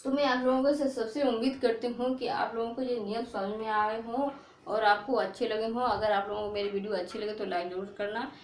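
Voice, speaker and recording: High-voiced woman teaching in an echoey room. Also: fairly even intonation, a little fast. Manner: repetitive, drilling questions like "what will you read?". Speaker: English teacher. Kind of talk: board lesson for a video. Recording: echoey room with faint hiss.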